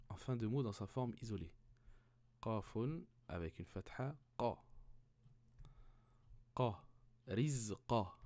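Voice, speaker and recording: Male tutor, unhurried and methodical, lowish voice, dry close recording, repeats syllables for learners. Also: a little mellow, dry recording. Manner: patient, repeats each sound several times, asks rhetorical questions. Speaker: Arabic reading teacher. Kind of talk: slow step-by-step reading lesson.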